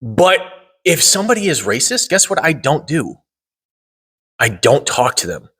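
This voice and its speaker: A man's voice: on the high side, big pitch swings, normal speed, a bit bright, slightly rough. A man co-hosting a podcast in a casual debate chat, blunt and emphatic, swearing for emphasis. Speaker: podcast co-host.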